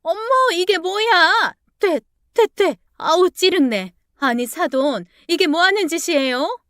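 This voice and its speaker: Woman voicing a shrill, brazen mother, slow whining protests, dry close sound. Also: lively intonation, no echo. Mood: shrieking. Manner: indignant, drawn-out whining outbursts. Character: greedy scheming middle-aged mother, shrill and brazen.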